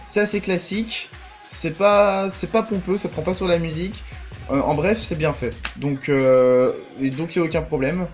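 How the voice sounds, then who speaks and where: A man's voice: on the high side, darkish tone. Chatty young man reviewing an album. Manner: chatty, enthusiastic, many "euh" fillers. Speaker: music reviewer, channel host. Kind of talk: casual spoken album review.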